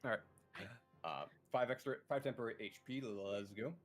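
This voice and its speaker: A man running a tabletop game as dungeon master, animated and swearing freely as he narrates the combat. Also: mid-range voice, moderate pace, soft background music.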